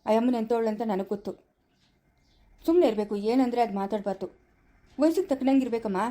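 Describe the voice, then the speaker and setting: A woman's voice: a little high, expressive, fast talker, warm tone, lightly acted. A woman playing a kind, patient village man of forty-five who soothes and reasons with others in a family drama. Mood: reasoning. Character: kind 45-year-old village man, calm peacemaker.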